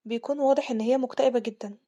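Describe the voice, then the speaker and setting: Brief: Egyptian woman, comic recap narrator, rapid conversational delivery, dark mellow tone. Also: a little high, fairly even intonation, muffled recording. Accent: Egyptian Arabic. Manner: brisk, conversational retelling. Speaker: story narrator.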